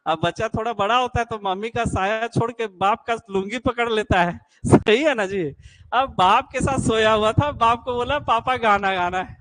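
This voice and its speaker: Male coaching teacher, fairly high voice, keeps checking the class follows, folksy storytelling. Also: normal speed, a bit bright, no echo, poor audio. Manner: keeps checking students understand, tells folksy anecdotes. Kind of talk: classroom lecture.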